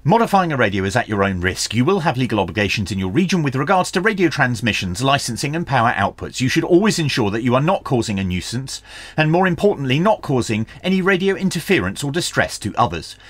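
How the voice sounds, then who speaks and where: A middle-aged man who hosts a radio review channel walks through a hands-on product review and tutorial in a small indoor home workshop, explaining step by step with dry asides. His mid-range voice is very animated and quick, with no room sound.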